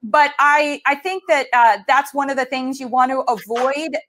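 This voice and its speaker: Woman dietitian, slightly high voice, casual rambling chat over a video call. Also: moderate pace, fairly bright tone, slight background noise. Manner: chatty, many fillers and restarts. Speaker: dietitian co-host. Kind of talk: casual cooking demo chat.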